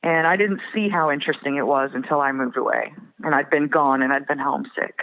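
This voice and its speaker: A woman in her forties from the northern prairie, reflective and often laughing softly as an interview guest. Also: sits low, a little fast. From Minnesota and North Dakota border area. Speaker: guest singer-songwriter. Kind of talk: casual interview chat. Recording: tinny phone-like line with long reverb.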